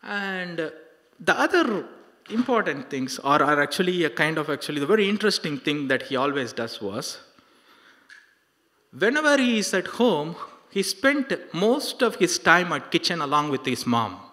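A middle-aged man preaching a story to young people, haltingly, with repetitions and rhetorical questions, into a handheld microphone. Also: a little high, very animated, pushed and bright. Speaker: preacher at a youth service. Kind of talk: sermon telling a life story. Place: large indoor hall on a stage. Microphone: handheld microphone held close. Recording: hall reverb on handheld microphone.

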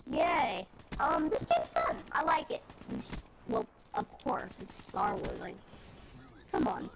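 A man's voice: rumbling low, takes it slowly. Male gamer with a robotic, glitchy voice. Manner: rambling, excitable, filler-heavy. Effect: robotic, glitchy distorted voice. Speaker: gaming video host. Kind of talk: casual gameplay commentary. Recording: loud game noise behind voice.

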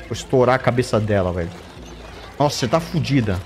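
A man with a Brazilian Portuguese accent doing let's play commentary, jumpy and swearing, with bursts of squeaky baby talk. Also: expressive, brisk, darkish tone, slight background noise. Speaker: gameplay streamer.

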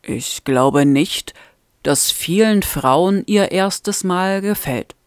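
A woman reading a fan-made audiobook, voicing a gruff, blunt male vampire lover in a lowered, curt, measured voice. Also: animated, dry recording, clean studio sound.

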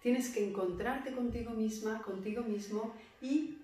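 Meditation teacher, woman, calm and deliberate, voice distant in a very echoey room. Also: on the high side. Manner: calm, measured, speaks with slow emphatic pauses. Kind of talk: guided meditation talk. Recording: very echoey room, voice far from mic.

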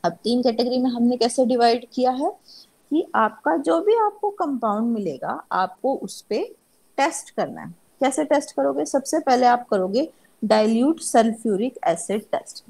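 A woman teaching chemistry to a class, asking herself questions and answering them. Her voice sits a little high, with a husky edge and a gravelly fry. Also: lively intonation, normal speed, darkish tone, poor audio. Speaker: chemistry lecturer. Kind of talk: classroom lecture.

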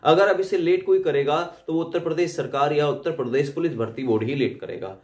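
A young adult man who hosts exam update videos explains the latest changes to students informally, repeating himself and adding tag questions. His voice is a little high with a darkish tone, he talks a little fast, and the room is echoey.

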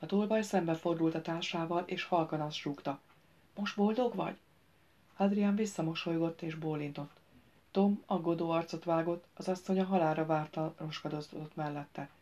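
A woman narrating an audiobook in a measured, quiet storytelling manner. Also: deep voice, fairly even intonation, muffled recording.

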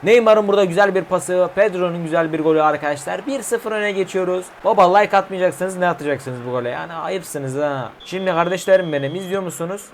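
A man in his twenties commentating his mobile football game, shouting player names and cursing at missed passes. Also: sits high, brisk, few pauses, slight background noise. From Turkey. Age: 20s. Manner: excitable, yelling player names at goals, swearing at the game. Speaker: gaming YouTuber.

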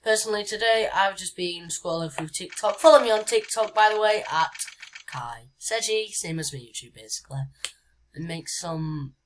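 A woman's voice: lowish voice, fairly bright tone, slight background noise. A woman giving casual gameplay commentary as a YouTuber, chatty and reading on-screen game text aloud with lots of "uh"s. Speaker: gaming YouTuber. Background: background music.

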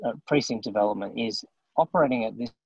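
A man presenting remotely over a video call whose degrading stream drops out, speaking in a halting way with many restarts. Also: mid-range voice, gravelly, darkish tone, breathy edge, no room sound, muffled recording. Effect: degrading stream audio that drops out. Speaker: remote presenter at an investor briefing. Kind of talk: formal briefing talk.

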